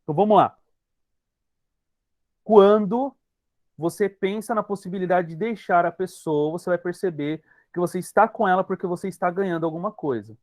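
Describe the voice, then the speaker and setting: Teaching an online group session, this Brazilian hypnotherapist has a high voice with a darkish tone and moves at a moderate pace. His delivery is emphatic, repeating key points and speaking straight to his audience, and the room carries no echo.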